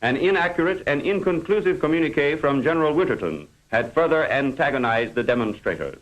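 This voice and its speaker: A man reading scripted narration for an old 1950s newsreel in a formal, measured delivery, on an old film soundtrack. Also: fairly high pitch, expressive, rough recording.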